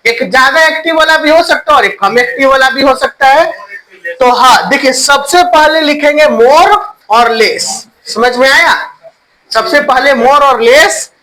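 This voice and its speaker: A man's voice: very high voice, pushed and bright, rough recording. A male teacher giving a classroom grammar lesson, quizzing students, repeating their answers and spelling words letter by letter.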